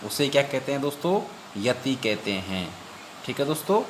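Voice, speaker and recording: A man's voice: medium pitch, sing-song, background noise. Man teaching in question-and-answer style. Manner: repeats each point as a question and answer; recites Sanskrit verses slowly. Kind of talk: exam-prep lesson.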